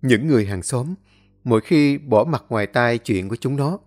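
A man narrating a dramatic story. His delivery is expressive and lively, with a wide swing in pitch, and soft music plays behind him. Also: normal speed. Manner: expressive, acting out scenes.

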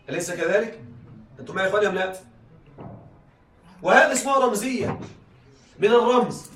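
Male teacher, high voice, set back from the mic in a reverberant room, checks in with students constantly. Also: fairly bright tone. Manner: keeps checking the students follow with rhetorical questions. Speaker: Arabic rhetoric teacher. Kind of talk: classroom lecture. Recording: echoey room, voice from a distance.

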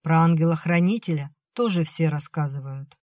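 A reader voicing a mild, soft-hearted young man in an audiobook. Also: mid-range voice, moderate pace, no echo, studio quality, close to an everyday voice. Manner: mild and pleading.

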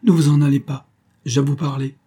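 A man reading aloud and voicing an impatient, dramatic society mother, lifting his pitch for her lines. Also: normal speed, mellow, slightly rough. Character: anxious scheming society mother, middle-aged woman.

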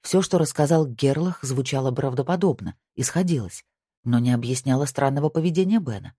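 A woman narrating an audiobook in an even, measured reading. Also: rumbling low, husky, no echo, studio quality. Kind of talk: scripted narration.

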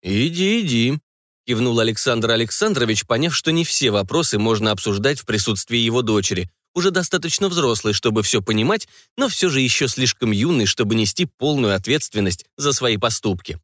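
A man narrating a historical novel in a scripted, expressive reading. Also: mid-range voice, brisk, few pauses, dry recording, studio quality. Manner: expressive reading, varied intonation. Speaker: audiobook narrator.

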